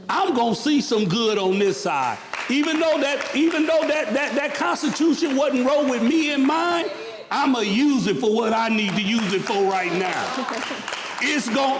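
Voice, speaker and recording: A man speaking on a panel at a symposium, in an emphatic, rising delivery with a preacher's cadence. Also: high-pitched. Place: university event hall. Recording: echoey hall with long reverb.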